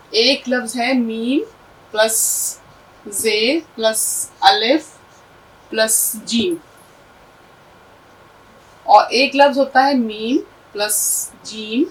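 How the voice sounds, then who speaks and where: A woman's voice: fairly high pitch, a bit bright, recorded from a distance, low-quality recording. A woman teaching an Urdu lesson, patiently spelling words letter by letter and asking her class questions.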